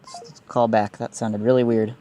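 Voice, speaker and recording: A man's voice: fairly low pitch, level tone, normal speed, very noisy. A man casually talking viewers through a customer support phone call as an online seller. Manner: casual, talks plainly to viewers between prompts.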